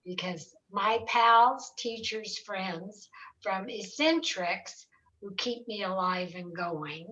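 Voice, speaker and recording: Slow-talking woman host, muffled sound. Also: mid-range voice, pushed and bright. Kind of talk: casual interview talk.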